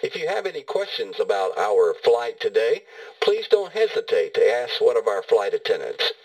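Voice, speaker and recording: A man reading a scripted in-flight safety announcement in a formal, measured, polite way. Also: lowish voice, sing-song, far from the mic, rough recording.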